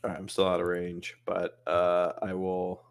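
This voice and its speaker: A man's voice: low-pitched, completely flat delivery, normal speed, vocal fry, clean tone. A man playing a tabletop game online, laid back, working out his moves aloud. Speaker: player. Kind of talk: casual chat during a tabletop game.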